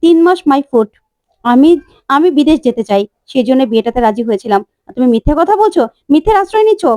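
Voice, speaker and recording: Titli, a headstrong young bride who snaps and scolds in a high, quick voice, as a woman storyteller puts her on. She sounds mellow and dry, as in a retold TV serial. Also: animated, no room sound. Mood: defiant. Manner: defiant, scolding, shouting demands. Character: headstrong young bride set on going abroad.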